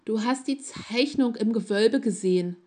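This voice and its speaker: A man's voice: high-pitched, moderate pace, a little mellow, close to an everyday voice. Woman voicing a frantic lost stranger man. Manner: pleading, growing pushy and demanding. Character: confused stranger man in a grey cowl, frantic.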